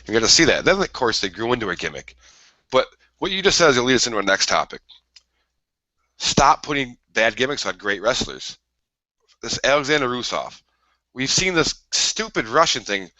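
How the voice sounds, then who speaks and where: Animated young man ranting on a podcast. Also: medium pitch, moderate pace, no echo, rough recording. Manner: animated, argumentative, mocking. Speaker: podcast co-host. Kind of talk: casual podcast banter.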